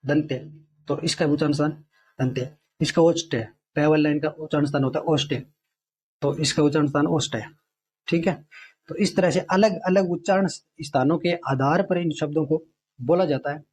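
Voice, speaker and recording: Hindi grammar teacher, slightly high voice. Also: male voice, darkish tone. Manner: explains step by step, often checks in with the students; repeats sounds slowly to demonstrate them. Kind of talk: exam-prep lesson.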